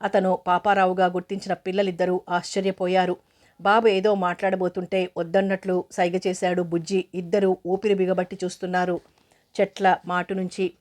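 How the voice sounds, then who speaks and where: A woman narrating an audio novel in a steady, even storytelling manner. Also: lowish voice, brisk.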